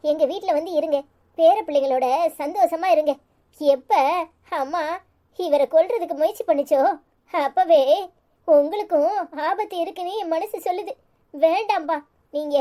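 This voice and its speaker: A woman voicing an upset young wife, very high. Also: mellow. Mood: pleading. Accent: Tirunelveli Tamil. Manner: anxious, indignant, urging. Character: distressed young wife and daughter, protective and indignant. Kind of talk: cartoon serial dialogue.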